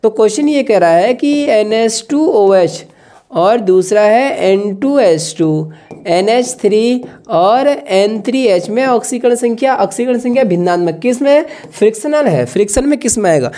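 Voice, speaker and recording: A man's voice: high voice, animated, unhurried, warm tone. A male teacher talking through an exam-prep lesson in a casual way, posing questions to his students and answering them himself. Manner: conversational, asks and answers his own questions; calls listeners "bhaiya".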